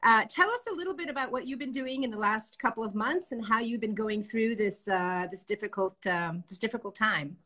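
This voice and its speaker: A woman wine critic hosting a live online chat, her voice pitched high. She talks in a bubbly, effusive way about the wines she has tasted. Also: a little fast, hardly any pauses, pushed and bright. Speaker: wine reviewer and interviewer. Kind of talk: casual live video chat interview.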